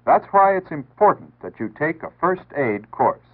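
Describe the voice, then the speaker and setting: This 1960s civil defense public service announcement is narrated from a script by an American man whose voice sits on the high side. He moves at a moderate pace with big swings in pitch, sounding formal, earnest and instructive. It comes through as thin, band-limited archival radio audio.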